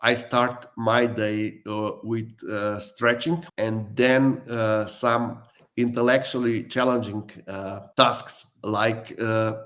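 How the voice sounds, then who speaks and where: Hesitant middle-aged man from Slovenia, lowish voice. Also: fairly even intonation, slow, fairly bright tone. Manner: hesitant, many fillers and restarts. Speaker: interview guest. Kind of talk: casual interview answers.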